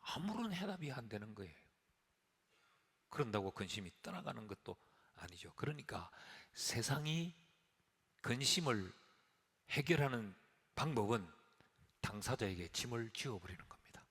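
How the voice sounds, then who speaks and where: A male pastor preaching a sermon, swinging from whispers to shouts. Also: mid-range voice, very animated, normal speed, pauses often, breathy edge. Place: church sanctuary. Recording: long church hall reverb.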